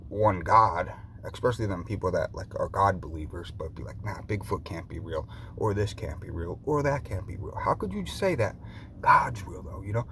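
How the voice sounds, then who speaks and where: A man with a fairly low voice talks in a casual, meandering vlog style. He drifts along loosely and repeats phrases as he goes. There is some noise behind him. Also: fairly bright tone. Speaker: vlogger. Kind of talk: rambling casual chat to viewers. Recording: noticeable background noise.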